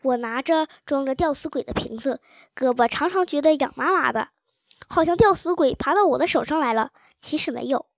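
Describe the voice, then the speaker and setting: A woman reading a childhood story aloud in a gentle, even storytelling manner. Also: sits high, a little fast, no room sound. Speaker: audiobook narrator.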